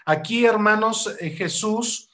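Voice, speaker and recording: A man preaching a sermon, asking rhetorical questions and addressing the congregation as brothers, with loud rising bursts and slow deliberate stretches. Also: high voice. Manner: rhetorical questions, keeps calling hearers "hermanos". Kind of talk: sermon teaching.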